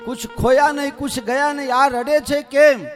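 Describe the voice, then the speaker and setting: A man's voice: extremely high pitch, steady tone, moderate pace, soft background music. A man from Gujarat preaching a devotional scripture story, with humorous asides to the audience. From Gujarat, India. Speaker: katha preacher.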